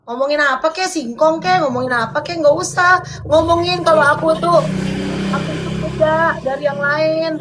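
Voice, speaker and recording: A woman's voice: high-pitched, normal speed, background noise. A woman arguing heatedly on a livestream, scolding and repeating her demands over and over. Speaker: livestream co-host.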